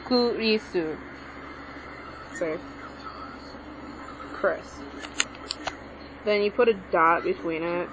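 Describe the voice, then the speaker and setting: A young woman of Mexican background, with a lowish voice, draws out her words and leaves long pauses as she rambles uncertainly through a casual spoken lesson while writing, correcting herself often. She makes language tutorials and records on a muffled home mic in a room with a TV on, producing lo-fi audio with background noise.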